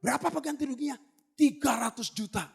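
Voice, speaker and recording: A man preaching in a church with a very high, gravelly voice. He tells a story and animatedly acts out both sides of the conversation, climbing to near shouts at the peaks. Soft music plays faintly behind him. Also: fast talker. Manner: rises to near shouts at climaxes. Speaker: pastor. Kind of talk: sermon with acted-out anecdote.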